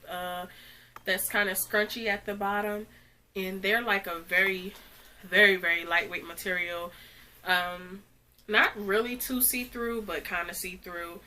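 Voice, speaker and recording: A young woman with a stuffy cold chats casually through a clothing try-on haul, rambling and saying "like" a lot in typical fashion vlogger style. Her voice is medium-pitched with a sharp tone, and there's a little hiss or hum. She's indoors in a small bedroom.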